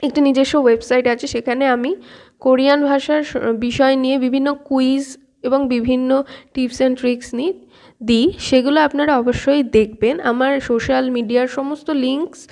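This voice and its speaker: High-voiced woman patiently teaching pronunciation. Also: steady tone, a little mellow. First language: Bengali. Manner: patient, repeats sounds slowly, asks "okay?" often. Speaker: Korean language teacher. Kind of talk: casual spoken lesson.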